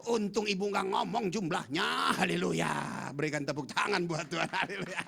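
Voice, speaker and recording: Male pastor, comic sermon delivery with acted-out voices, raised pitch, gravelly texture. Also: normal speed, fairly bright tone. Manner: acts out quoted voices, playful asides to congregation. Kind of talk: lively humorous sermon. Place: large church hall.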